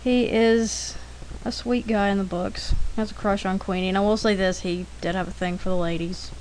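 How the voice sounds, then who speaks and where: This artist has a darkish mid-range voice with fairly even intonation and speaks at normal speed. While demonstrating a drawing, she rambles through casual, anecdotal, informal chat and keeps clearing her throat. The poor audio carries a little hiss or hum.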